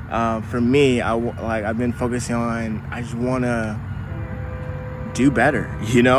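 A man from the United States hosting his podcast as a phone video, recorded outdoors on wireless earbuds. He talks in a casual, upbeat and encouraging way, rambling with many fillers. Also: medium pitch. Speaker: podcast host. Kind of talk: casual motivational vlog talk. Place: outdoors near traffic and a train line. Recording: phone video outdoors with clear traffic noise. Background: street and car noise.

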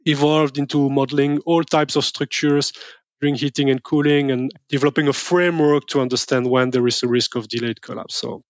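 A man's voice: medium pitch, little pitch movement, brisk, no echo. Male academic guest, dull dry recording. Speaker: academic researcher, interview guest. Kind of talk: explanatory interview talk.

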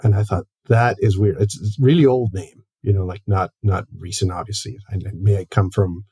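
Mellow, husky man musing aloud. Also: low voice, fairly even intonation, dry recording. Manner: musing, drawn-out, lots of "you know" and "like". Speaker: podcast co-host. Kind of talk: casual birding chat.

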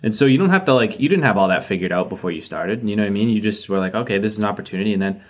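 A man's voice: fairly low pitch, animated, racing. A man hosting a podcast, chatty and enthusiastic, asking long rambling questions. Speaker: podcast host. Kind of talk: conversational interview. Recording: dull lo-fi sound.

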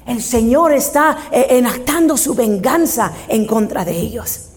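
High-voiced woman preaching a sermon. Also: lively intonation, a little slow. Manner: switches between Spanish and English mid-sentence, frequent "¿verdad?"; emphatic, raises voice on scripture calls. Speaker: pastor.

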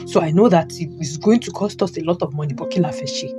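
A woman with a low, natural voice plays a stern yet supportive elderly father in an audio drama, using a Nigerian Yoruba accent. She speaks quickly, with emphatic, repetitive admonishments, sounding firm and resigned as guitar music plays behind her.

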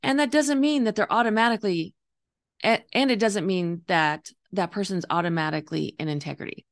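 A woman with a gravelly, slightly hoarse voice talking earnestly and reflectively as a coach hosting a solo podcast, explaining her views. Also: mid-range voice, brisk. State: voice partly gone, slightly hoarse. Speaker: intuitive coach and podcast host.

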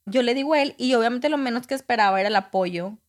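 A woman's voice: a little high, fast talker. Young woman telling her story. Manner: candid, acts out quoted dialogue. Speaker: podcast guest. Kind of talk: personal storytelling in conversation.

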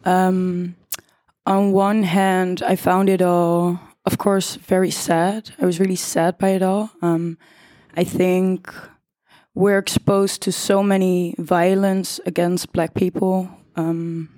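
Girl around 20 chatting on a podcast, kinda low mellow voice. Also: level tone, slow, no echo. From The Hague, Netherlands. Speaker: student panel guest. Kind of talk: informal podcast conversation.

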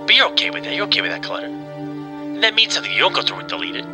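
A man playing a brash, boisterous ad executive who crashes a video call and rambles through a sales pitch in improvised comedy. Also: huge pitch swings, rapid-fire, music in the background. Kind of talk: improvised comedy role-play.

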